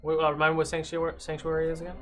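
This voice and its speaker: A man's voice: fairly high pitch, completely flat delivery, very fast, a little hiss or hum. A man acting as game master, casually narrating and refereeing a tabletop game.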